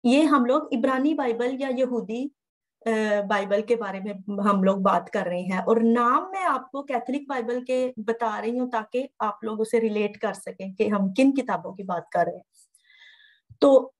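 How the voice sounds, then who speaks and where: A woman's voice: on the high side, measured pace. A woman giving a methodical Bible lesson from slides, repeating key terms as she explains. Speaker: Bible teacher. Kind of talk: slide-based lecture.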